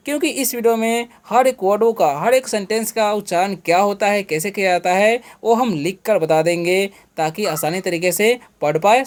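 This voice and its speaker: A man hosting a beginner English lesson. He spells words out letter by letter, keeps asking and then answering his own questions, and fills the pauses with a checking "okay". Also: high-pitched. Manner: patient, repetitive teaching; asks rhetorical questions and then answers them. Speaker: English teacher, channel host.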